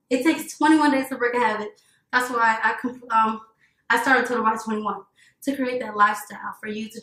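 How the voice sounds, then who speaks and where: A woman's voice: fairly high pitch, fairly bright tone. A woman trainer talking through an at-home workout in casual chat, upbeat and laughing often. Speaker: fitness trainer guest. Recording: echoey room.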